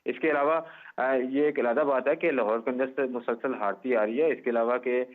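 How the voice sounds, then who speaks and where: Male reporter calling in on a tinny phone line that keeps breaking up; measured, formal delivery with frequent "uh" pauses. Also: mid-range voice, steady tone. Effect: phone line breaking up and cutting out. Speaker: sports reporter phoning in.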